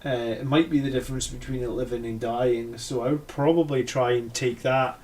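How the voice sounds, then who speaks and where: A man from Scotland works through army lists while hosting a live stream, chatting casually with lots of fillers and self-corrections. His medium-pitched voice has a darkish tone and fairly even intonation at a normal speed, with slight background noise.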